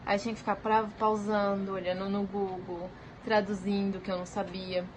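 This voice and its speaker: A young Brazilian woman talks in a chatty, lively way, speaking with a Brazilian Portuguese accent and acting out what others said. Her pitch sits in a middle range. A faint hiss of background noise runs under the recording. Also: moderate pace. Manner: chatty, animated, acts out quoted dialogue. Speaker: vlogger. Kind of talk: casual storytelling vlog.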